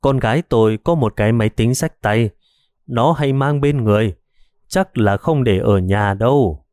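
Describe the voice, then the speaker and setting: A man's voice: mid-range voice, moderate pace, a little mellow, clear, resonant tone, no room sound, close to an everyday voice. A man voicing a frightened elderly mother who stammers and hesitates, in an audiobook story. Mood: plain.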